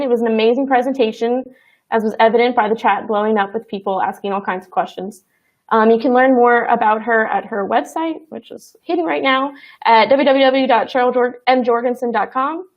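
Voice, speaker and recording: A woman's voice: a little high, brisk. A woman moderating a webinar, wrapping up with announcements and thanks in an upbeat, chatty way. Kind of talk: hosting announcements. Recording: dull lo-fi sound.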